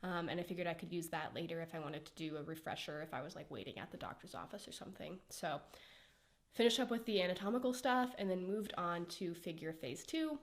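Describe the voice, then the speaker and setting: Young woman with a cold, stuffy nose, lower register, casual rambling vlog delivery with soft laughs. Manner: chatty, slightly spacey, laughs softly. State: congested from a cold. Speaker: art student vlogger. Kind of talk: casual progress update vlog.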